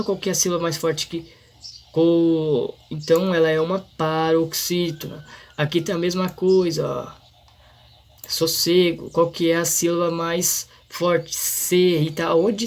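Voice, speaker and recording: A man explaining a grammar lesson in an informal, halting way, full of restarts and fillers. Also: a little high. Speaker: teacher.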